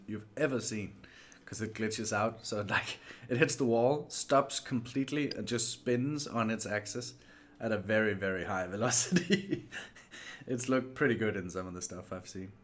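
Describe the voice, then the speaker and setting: A man with a medium-pitched voice hosts a sim racing livestream, chatting casually at a moderate pace. He comes across as polite and a little self-deprecating.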